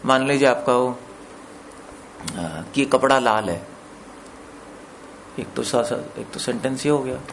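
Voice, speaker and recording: This preacher has a mid-range, creaky voice and takes his scripture discourse slowly, pausing often. He works through word meanings step by step, checks in with listeners through questions, and mixes in English words over slight background noise.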